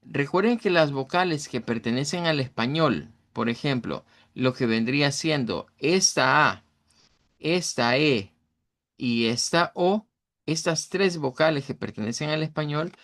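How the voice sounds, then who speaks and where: A man's voice: fairly high pitch, expressive, unhurried, a bit bright. A middle-aged male English teacher with a Central American Spanish accent, giving a recorded online class and explaining vowel sounds with fillers and self-corrections.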